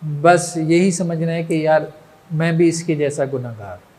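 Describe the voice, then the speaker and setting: Male religious teacher, high voice, long reverb, lecturing and checking in with the audience. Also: a little slow, darkish tone. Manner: rhetorical, checks in with listeners often. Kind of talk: lecture on moral training.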